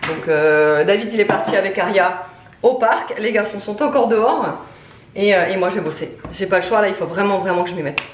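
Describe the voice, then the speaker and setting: A tired woman in her thirties chats casually to her camera at home, stopping often on hesitant fillers. Her voice sits at a middle pitch. The room echoes, with a faint hiss underneath. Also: fairly quick. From France. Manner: chatty, lots of hesitant "euh" fillers, says she is tired. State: worn out. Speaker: family vlogger. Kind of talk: casual chat to camera, product presentation.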